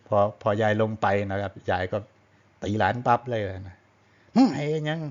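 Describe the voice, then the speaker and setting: Male teacher, lower voice, patient and polite, lecture delivery, muffled lo-fi audio. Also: fairly even intonation, normal speed. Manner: patient and explanatory, ends phrases with polite particles. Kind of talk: classroom-style lesson on Thai poetry.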